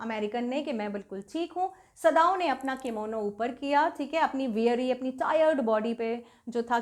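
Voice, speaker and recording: High-voiced woman teaching a literature lesson. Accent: Indian. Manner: explains step by step, slow deliberate read-aloud of passages. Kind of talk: bilingual literature lesson, explaining and reading aloud.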